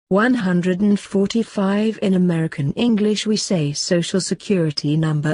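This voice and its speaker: A man teaching English vocabulary, reading a numbered word list in a slow, even, repetitive way. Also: high-pitched, no echo. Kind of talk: slow scripted vocabulary lesson.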